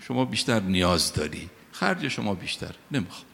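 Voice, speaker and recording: A preacher putting on a humble, plain-spoken old sage who refuses a ruler's gifts without bending. The voice sits low and gravelly, and it rings with a long hall echo. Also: male voice, big pitch swings, a bit bright, heavily acted. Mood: firm. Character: humble elderly male sage, calm and unbending.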